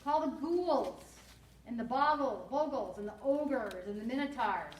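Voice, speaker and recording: A desperate witch barks out commands to gather her forces, as a woman teacher reads her aloud from a storybook. The voice sits fairly high. It echoes through a classroom, picked up from some distance away. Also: animated, measured pace. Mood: commanding. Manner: commanding, read aloud from a book. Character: desperate scheming female witch giving orders. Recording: roomy classroom from far off.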